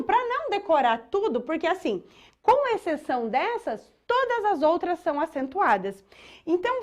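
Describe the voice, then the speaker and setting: A Brazilian woman teaches an exam-prep lesson in a high, bright-toned voice. Her pitch leaps and dips a lot as she walks through each point. She keeps checking in with her listeners as she goes. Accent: Brazilian Portuguese. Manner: explains step by step with frequent checks like "tá?" and "ó".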